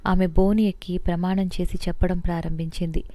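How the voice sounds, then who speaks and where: A woman narrating an audio novel in a steady, measured storytelling style. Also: on the low side, no echo. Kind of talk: scripted narration.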